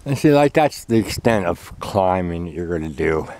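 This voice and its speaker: A man talking casually while walking a woodland trail, filming from behind a handheld camera, relaxed and chatty with fillers. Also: low-pitched, normal speed, background noise. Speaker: hiker filming a trail walk. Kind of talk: casual vlog narration. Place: outdoors on a leafy woodland trail. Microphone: handheld camera, speaker behind it.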